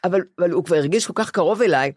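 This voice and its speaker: A woman's voice: on the low side, breathy edge, dry recording, clean studio sound. An older woman co-hosting a casual chat, telling stories with animation and acting out what others said. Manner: animated storyteller, acts out quoted voices. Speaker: co-host.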